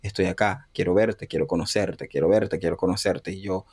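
A man's voice: low voice, fairly quick, slightly rough. A man in his thirties, from Panama, telling a personal story in a casual interview, acting out the dialogue and laughing often. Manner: animated, acts out quoted dialogue, laughs often. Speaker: interview guest.

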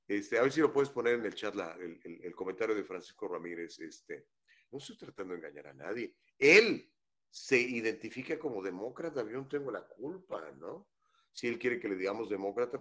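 Low-voiced mexican guy hosting a live news show, chatty, tosses in english bits. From Mexico, Huasteca Potosina. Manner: chatty, animated, reads viewer comments, drops English phrases. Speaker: news talk show host.

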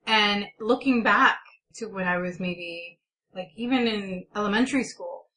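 Casting: female chat show host, mid-range pitch, crisp forward bright tone, informal delivery. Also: measured pace, low-quality recording. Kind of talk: casual chat.

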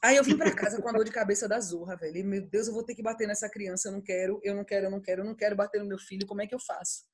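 A woman's voice: mid-range voice, steady tone, racing, breathy edge. A woman, telling family stories in a casual chat and animatedly acting out her kids' voices. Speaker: podcast co-host.

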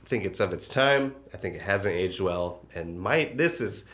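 A man's voice: low voice, expressive, measured pace, a bit bright. A man hosting a podcast, chatting casually with laughs and lots of fillers. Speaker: podcast host. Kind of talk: casual chat.

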